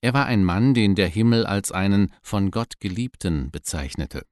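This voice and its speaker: A man with a very deep voice reads a devotional text aloud in a measured, solemn way. The recording is dry and close, with no room sound. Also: lively intonation, darkish tone, no echo. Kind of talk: scripted devotional reading.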